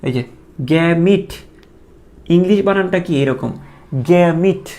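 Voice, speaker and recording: A man's voice: sits high, measured pace, warm tone. A man teaching a biology class live online, chatty, asking questions and answering them himself.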